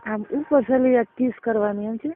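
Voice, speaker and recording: The audio is a muffled, narrowband recording of a phone call, with a little hiss or hum. A Gujarati-accented woman speaks at a normal pace in a higher-leaning voice, explaining things in a relaxed, colloquial private chat and frequently making sure she's understood.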